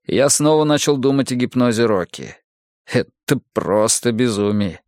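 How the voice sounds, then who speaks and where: A nervous middle-aged psychiatrist in an audiobook speaks in tense, halting phrases, voiced by a male narrator. His voice is dry and close, with a plain middle pitch. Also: lively intonation, a little mellow, dry recording, close to an everyday voice.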